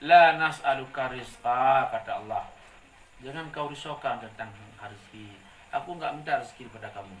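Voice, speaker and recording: A male preacher giving a lively sermon, asking the congregation to complete his sentences. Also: medium pitch, a little fast. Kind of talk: sermon with call-and-response. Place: hall with a gathered congregation. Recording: echoey room, distant mic, faint noise.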